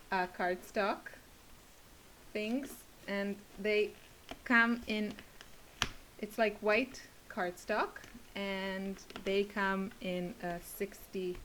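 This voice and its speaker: In casual, rambling chit-chat to camera, a female craft video creator and class teacher giggles along with her viewers. She has a mid-range, slightly bright voice, and the rough recording carries a little hiss or hum.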